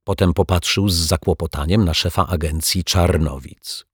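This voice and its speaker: An audiobook narrator with a slightly rough voice reads a children's detective story aloud at a moderate pace, giving the characters their own voices through lively pitch shifts. The recording is dry with clean studio sound.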